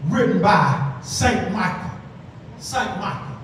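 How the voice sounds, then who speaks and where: A pastor in his fifties preaching at a pulpit microphone in a church sanctuary, with playful call-and-response that rises into shouts. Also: high-pitched, animated, slow pace, slight background noise. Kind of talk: sermon. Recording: echoey church hall from a distance.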